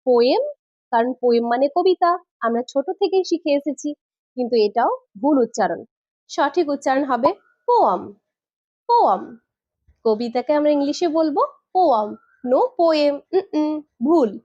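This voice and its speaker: Lively high-voiced woman teaching pronunciation. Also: muffled recording. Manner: asks the viewer questions, then repeats the correct word slowly. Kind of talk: pronunciation lesson.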